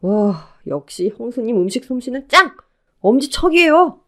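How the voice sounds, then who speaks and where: A gentle young husband, voiced by a man in a radio play. He speaks softly and warmly about his family. His tone is apologetic. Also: very high voice, very animated, normal speed, heavily acted. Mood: friendly. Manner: soft, apologetic, fond. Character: gentle young husband, soft-spoken son.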